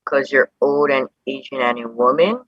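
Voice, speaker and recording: An actor playing an anxious young grandson in a stage play, speaking in an urgent, pleading way. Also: male voice, mid-range voice, normal speed, no echo, highs cut off, lightly acted. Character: worried young adult grandson, anxious and protective. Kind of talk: live-streamed stage play.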